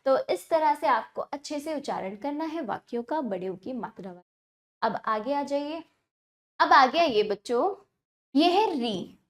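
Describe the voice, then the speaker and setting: A woman teaching a children's Hindi lesson, reading each word out clearly and repeating it over and over. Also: high voice. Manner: slow drilled repetition of words.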